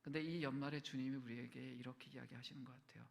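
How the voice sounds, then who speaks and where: A man's voice: medium pitch, fairly even intonation, fast talker, gravelly. A man preaching a sermon as pastor, dropping to near-whispers and then rising to emphatic lines. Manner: shifts between quiet near-whispers and raised emphatic lines. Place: church sanctuary. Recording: long hall reverb.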